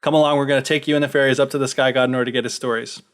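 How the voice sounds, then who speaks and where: Man doing a spider trickster, smug, offhand, mid-pitched. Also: little pitch movement, very fast, clear, resonant tone, close to an everyday voice. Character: scheming male spider trickster.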